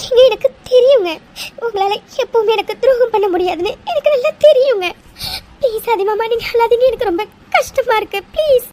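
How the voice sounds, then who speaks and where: Very high, tearful young wife. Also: female voice, animated, brisk. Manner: tearful, soft and respectful pleading. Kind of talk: cartoon serial dialogue.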